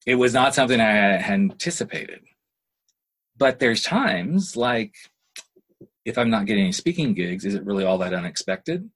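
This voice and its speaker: Husky, folksy man giving a motivational podcast talk. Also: fairly low pitch, very animated, normal speed, fairly bright tone. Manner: emphatic, folksy, colloquial pep talk with rhetorical questions and repetition. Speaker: podcast host and speaker.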